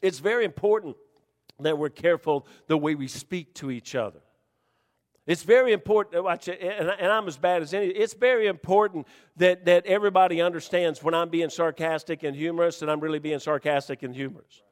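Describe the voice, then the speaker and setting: High-voiced joking preacher in a reverberant hall. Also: male voice, a little fast. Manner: folksy, joking preacher who swings from shouting to hushed. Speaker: pastor. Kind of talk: sermon. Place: church.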